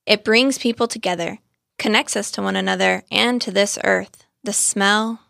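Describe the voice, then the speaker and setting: A woman voicing a proud, gentle adult male orange grower in a storybook reading, eager and savoring his words. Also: mid-range voice, fairly even intonation, normal speed, gravelly, dry recording, clean studio sound. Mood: eager, wondering. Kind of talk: storybook narration.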